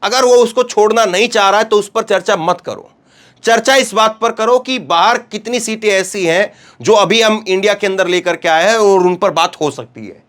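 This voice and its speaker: A man's voice: sits high, normal speed, fairly bright tone. A man giving political news commentary, talking straight to his viewers in a conversational way. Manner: conversational, addresses viewers directly.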